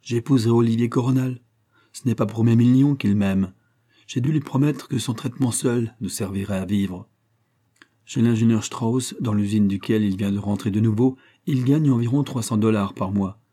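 A man's voice: medium pitch, normal speed, mellow, close to an everyday voice. A man voicing a proud, strong-willed young heiress who speaks firmly and coolly. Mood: resolute. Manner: firm, cool and resolute.

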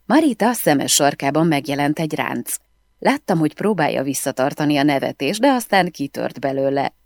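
Low-voiced woman reading an audiobook. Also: lively intonation, a little mellow, no echo, studio quality. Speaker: audiobook narrator. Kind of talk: scripted first-person audiobook narration.

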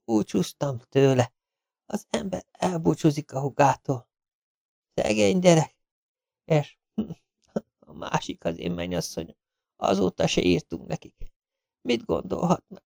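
A man's voice: a little high, creaky, long pauses, a little mellow, no room sound, studio quality, pitched above the performer's own voice. A man voicing a badly wounded legionnaire who whispers weak, breathless last words. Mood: faint, wistful. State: dying, whispering.

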